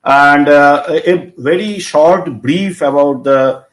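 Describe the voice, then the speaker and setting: A man moderating a webinar, introducing speakers with halting pauses. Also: fairly high pitch, poor audio. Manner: halting, stumbles over names. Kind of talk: formal introductions.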